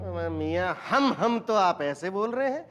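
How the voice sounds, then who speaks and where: A man's voice: high voice, expressive, moderate pace. A man, acting in a sitcom, sarcastic and bickering. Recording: TV sitcom with loud music bed.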